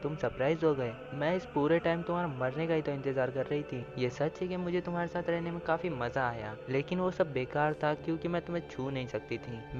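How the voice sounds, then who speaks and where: A man's voice: on the high side, close to an everyday voice. A man reading a scheming schoolgirl ghost. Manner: clingy then coldly mocking. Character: young female schoolgirl ghost, sweetly scheming. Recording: slightly dull lo-fi audio, faint background music.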